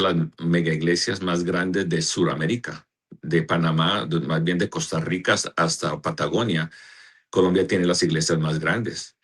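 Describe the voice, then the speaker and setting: A man, a pastor and church director, answering interview questions in a slow, earnest way as he searches for words. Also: sits low, husky.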